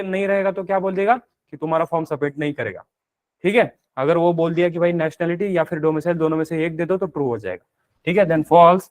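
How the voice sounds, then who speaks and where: A man teaching a live programming class, explaining step by step, mixing in English technical terms and asking the students rhetorical questions. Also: sits high. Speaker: programming instructor. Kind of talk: live classroom coding lecture.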